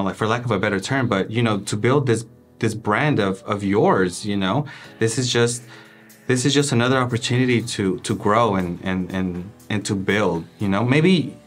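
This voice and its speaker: A young man co-hosting a casual recap chat, rambling and laughing, with many fillers. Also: medium pitch. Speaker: podcast co-host.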